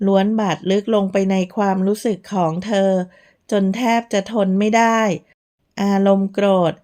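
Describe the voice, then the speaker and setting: A woman narrating a romance novel in a slow, measured, even reading voice. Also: mid-range voice. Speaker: audiobook narrator.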